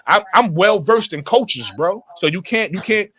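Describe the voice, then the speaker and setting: A man's voice: high-pitched, lively intonation, moderate pace, a bit bright, slightly rough. A man from Brooklyn with a New York accent, talking emphatically in a casual group discussion, repeating phrases and calling people bro.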